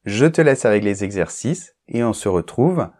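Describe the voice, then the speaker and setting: A man's voice: fairly low pitch, expressive, moderate pace, darkish tone. A man teaching pronunciation in a recorded lesson, explaining patiently and modeling example phrases with exaggerated rises and falls, often checking in with the listener. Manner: checks understanding with frequent "d'accord?". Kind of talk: recorded lesson addressing the learner.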